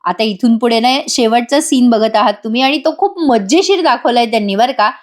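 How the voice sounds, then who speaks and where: A woman's voice: on the high side, fairly quick. A woman narrating a TV serial recap as a voice-over, chatty and addressing viewers directly. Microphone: voice-over recording.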